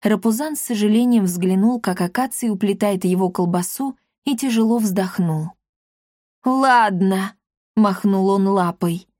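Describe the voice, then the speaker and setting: Brief: woman audiobook narrator, even storytelling delivery, mid pitch. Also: normal speed, hardly any pauses, no echo, studio quality. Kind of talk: scripted narration.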